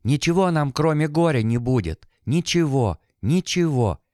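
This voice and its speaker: A man reading an audiobook, voicing a gentle, fatalistic young village woman in an earnest, pleading manner. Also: on the high side, expressive, normal speed, dry recording, clean studio sound, close to an everyday voice. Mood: insistent.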